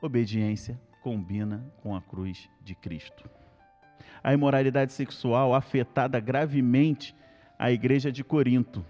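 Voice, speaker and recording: A male Brazilian pastor giving an earnest Bible study sermon, repeating key points slowly and calling out to the congregation. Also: medium pitch, dark tone, long reverb tail, highs cut off, faint music behind. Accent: Brazilian Portuguese.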